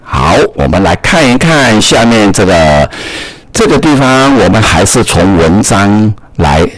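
A man's voice: fairly low pitch, very animated, a little slow, dry recording. A man teaching a reading lesson, explaining step by step and repeating key words. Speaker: English teacher.

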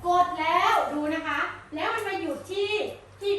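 A woman teaching an English vocabulary lesson to young pupils, saying each word slowly so they can repeat it and coaxing them along. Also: very high-pitched, bright, forceful tone. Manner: coaxing, calls pupils "child". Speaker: primary school English teacher. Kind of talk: classroom vocabulary drill. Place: classroom. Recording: echoey room, distant mic, noisy. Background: children chanting and chatter.

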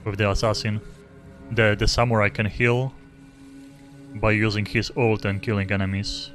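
A man's voice: lowish voice, little pitch movement, normal speed, fairly bright tone. A young man giving casual, rambling live commentary as he streams a game, close to a desk microphone. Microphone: close desk microphone without pop filter. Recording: faint game music behind.

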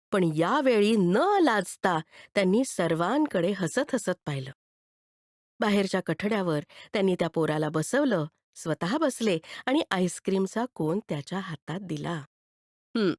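A woman narrating a written story with expressive delivery. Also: mid-range voice, normal speed, no room sound, clean studio sound. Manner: expressive, animated.

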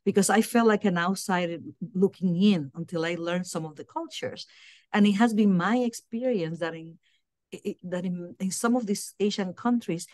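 Joining by video call on her laptop webcam from a small home room, a middle-aged woman from Puerto Rico who directs diversity at a university responds to interview questions. She has a medium-pitched voice with no echo, and she comes across earnestly, repeating words as she hunts for phrasing.

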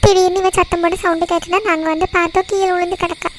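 A woman's voice: extremely high pitch, little pitch movement, fast talker, slight background noise, poor audio. A woman voicing a caring, frantic village mother in a cartoon, calling out and pleading. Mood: alarmed. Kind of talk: cartoon voice acting.

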